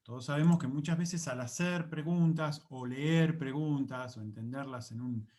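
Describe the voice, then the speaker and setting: A man's voice: mid-range voice, moderate pace, a little mellow. A man with an Argentine Spanish accent, an English teacher explaining a lesson to camera in a chatty, patient way. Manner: chatty and patient, with voiced examples and rising questions.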